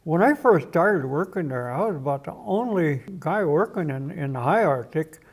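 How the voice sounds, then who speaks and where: Brief: older male biologist, gravelly and a bit high, halting, chuckling storyteller. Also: expressive. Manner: reminiscing, halting with restarts, chuckling. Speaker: wildlife biologist. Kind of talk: documentary interview storytelling.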